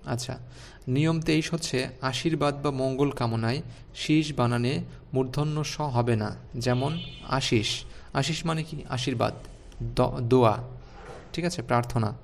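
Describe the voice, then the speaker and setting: A man's voice: mid-range voice, measured pace, gravelly, pauses often, darkish tone, slight background noise. A man teaching an online spelling lesson, explaining rules step by step and putting questions to his students. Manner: explains step by step, asks the class rhetorical questions.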